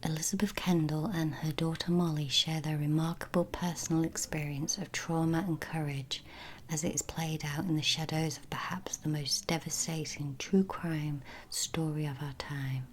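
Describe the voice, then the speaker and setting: A woman whispers in ASMR style, with a low voice for a woman and a breathy, unvoiced tone. She reads and talks as a host would, close to the mic. A faint-to-clear noise sits behind her, along with small clicking sounds. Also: fairly even intonation, normal speed. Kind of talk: whispered ASMR reading and talking.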